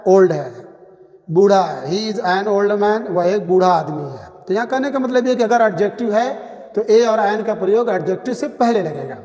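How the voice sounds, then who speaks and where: A man with a high, somewhat dark voice teaches English grammar classroom-style, saying each example sentence in English and then Hindi. He repeats words to make them stick, and a long reverb tail trails his speech.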